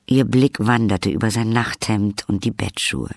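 Brief: male audiobook narrator, low voice with gravel and husk, dry close sound. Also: measured pace, dry recording. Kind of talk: scripted narration.

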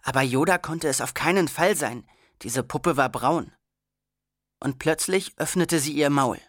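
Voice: medium pitch, unhurried, dry recording, studio quality. An audiobook reader narrating in a schoolboy's first person with a wry, conversational storytelling manner.

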